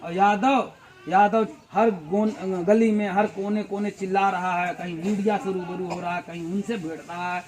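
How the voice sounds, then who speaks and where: A man's voice: sits high, little pitch movement, normal speed, a little mellow. A man giving an outdoor village meeting speech as a party organizer, full of rhetorical questions and folksy analogies.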